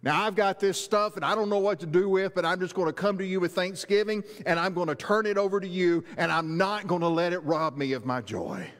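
A middle-aged man preaches in a large church sanctuary, his voice sitting a little high for a man. He pleads earnestly and presses his points with repeated questions. The sound carries a long hall reverb from a distant stage mic. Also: a little fast, few pauses, a bit bright. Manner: earnest, rising to emphatic rhetorical questions, walking the stage. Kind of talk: sermon.

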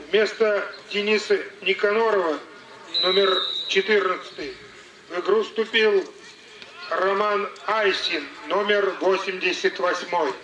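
An echoing stadium announcer, a man with a fairly high voice. He delivers formal, measured substitution notices over the PA, heard from a distance across an open-air football ground. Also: highs cut off, noisy background. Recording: echoing stadium PA, far from mic.

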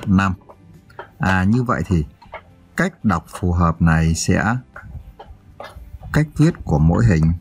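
A man's voice: low-pitched, slightly rough. A male teacher giving a primary school math lesson, counting aloud and asking his pupils check questions.

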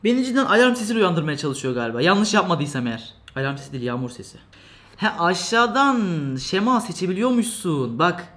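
A fast-talking man with a high-set voice reviews a gadget from his desk indoors. He chats loosely, cracks jokes and laughs often, mock-complaining along the way. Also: very animated, a bit bright. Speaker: tech reviewer. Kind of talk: casual product review vlog.

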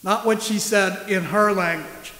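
A man's voice: high voice, steady tone, unhurried, sharp tone. A male pastor preaching a sermon in a church, conversational and joking. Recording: echoey church hall.

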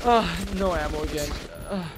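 A man commentating his gameplay from home, loud and excitable, yelling and cursing at the game. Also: fairly high pitch, normal speed, a little hiss or hum. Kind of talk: let's play commentary. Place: home in Germany.

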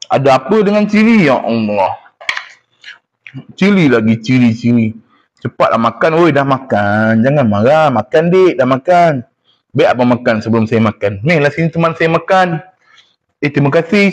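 A young Malaysian man hosts a casual live stream, chatting and teasing his viewers. His voice sits a little high for a man. He reads comments aloud with a Malaysian Malay accent.

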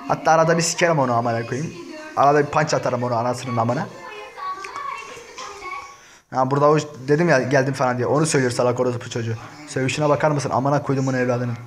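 Faint music sits behind a man of medium pitch who talks quickly. He's commenting on an online roast battle for his viewers over a screen share, ranting and swearing the entire time.

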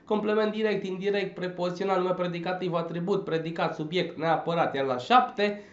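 A man teaching an exam-prep language lesson, emphatic, checking in often with a quick "da?". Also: sits high, fairly even intonation. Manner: emphatic, drills points with frequent "da?". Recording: echoey, slightly dull recording.

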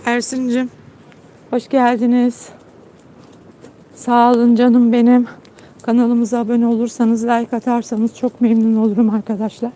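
A woman's voice: monotone, unhurried, pauses often. Chatty woman live-streaming outdoors at night. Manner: chatty, warm-hearted, calls her dog in high coaxing tones. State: tired after a long trip. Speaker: channel host. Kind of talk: casual live-stream chat to viewers.

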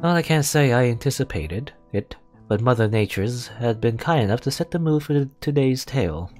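A man voicing a composed, wise woman storyteller from a visual novel, speaking to children in measured, formal phrases. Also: medium pitch, animated, a little mellow, close to an everyday voice. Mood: measured, gentle. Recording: music behind the voice.

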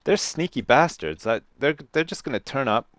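A man's voice: medium pitch, expressive, moderate pace, fairly bright tone, no room sound, studio quality. A man co-hosting a gaming video with casual, jokey commentary, rambling, swearing and playing up the drama.

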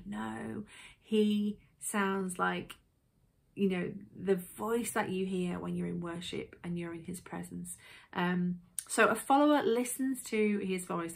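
A woman's voice: medium pitch, vocal fry, a bit bright. A woman with a Yorkshire accent, hosting a weekly devotional talk in an earnest, reflective way that puts questions to the listener. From England. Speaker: devotional host.

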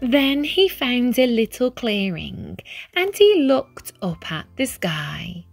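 A woman's voice: on the high side, very animated, takes it slowly, gravelly. A woman reading a picture book aloud expressively, with a careful storytelling lilt. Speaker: children's story reader. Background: music.

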